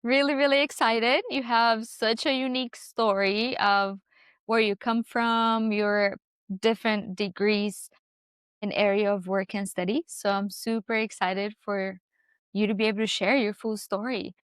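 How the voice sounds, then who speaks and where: A woman's voice: mid-range voice, steady tone, measured pace, smooth, no room sound, studio quality. Upbeat woman hosting a podcast. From Brazil. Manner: upbeat, enthusiastic, encouraging. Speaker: podcast host. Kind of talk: casual podcast interview.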